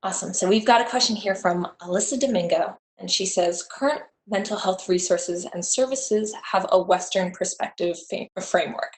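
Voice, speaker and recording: A young woman moderating a virtual panel, speaking softly and casually with plenty of affirmation. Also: mid-range voice, moderate pace, hardly any pauses. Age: young adult. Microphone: video call. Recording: echoey video call.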